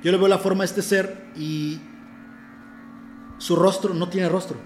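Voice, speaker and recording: A man's voice: sits high, steady tone, a little slow, echoey room, a little hiss or hum. A man from Mexico with a Mexican accent, telling a personal story in casual, earnest conversation and often restarting his phrases. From Ciudad del Carmen, Mexico. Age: adult.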